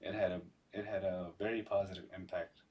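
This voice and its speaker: A man recounting personal memories in a halting, conversational way, often repeating phrases. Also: low-pitched, little pitch movement, darkish tone, far from the mic. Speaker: podcast guest.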